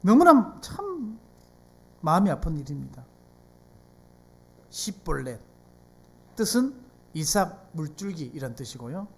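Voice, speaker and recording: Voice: mid-range voice, animated, a little slow, gravelly, pauses often, breathy edge. A pastor from South Korea with a Gyeongsang accent, preaching a sermon in a church and putting frequent rhetorical questions to the congregation. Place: church sanctuary.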